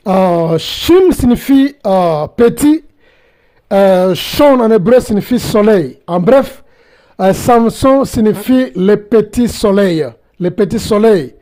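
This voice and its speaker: A man teaching a sermon, slow and hesitant, pausing often and repeating key phrases as he explains. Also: high voice, animated, warm tone. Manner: hesitant, many pauses and repetitions. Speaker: Bible teacher.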